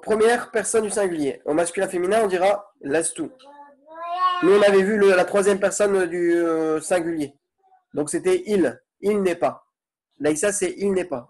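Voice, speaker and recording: A man's voice: sits high, a little mellow. A man teaching an online Arabic grammar lesson in French, explaining patiently and checking in with his students often.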